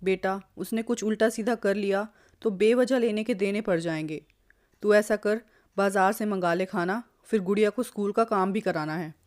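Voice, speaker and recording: A woman's voice: mid-range voice, normal speed, a little mellow, close to an everyday voice. Woman playing a stern older mother-in-law. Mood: sly. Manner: scolding, lecturing.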